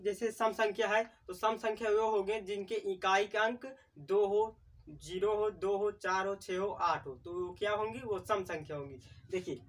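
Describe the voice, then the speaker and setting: Teaching math at a board as in a classroom, a man asks questions and answers them himself, repeats key terms, and again and again calls his viewers friends. His voice sits high and is recorded from a distance.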